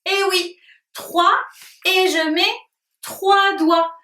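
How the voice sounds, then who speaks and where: A woman teaching a lesson to small children at home, asking simple questions in a slow, sing-song voice and praising their answers. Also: very high-pitched, steady tone, bright, forceful tone, recorded from a distance. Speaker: preschool teacher. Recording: roomy echo, voice a little off-mic.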